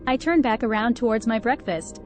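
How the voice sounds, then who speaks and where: A woman with a fairly high voice narrates a first-person horror story. Her delivery is tense and dramatic. Quiet music plays underneath. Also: brisk. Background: faint background music.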